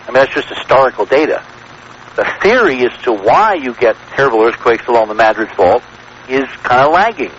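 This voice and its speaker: An American man appears as a guest on a radio interview, assertively lecturing about his theories and checking that his points land. His mid-range voice is fairly bright and a little fast, with lively intonation, heard through a noisy, dull vintage radio broadcast.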